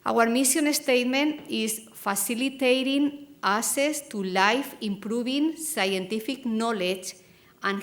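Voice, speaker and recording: A woman from Spain with a Spanish accent, giving a conference presentation in a deliberately slow, careful way, with frequent pauses and ums. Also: on the high side. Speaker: conference speaker. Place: lecture hall.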